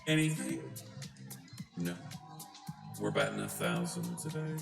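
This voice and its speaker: A live coding streamer talking through a voice changer that shifts the voice deep, chatting casually with a wry, self-deprecating manner. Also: wildly swooping pitch, unhurried, creaky. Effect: deep pitch-shifting voice changer. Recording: roomy sound with music behind. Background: background music.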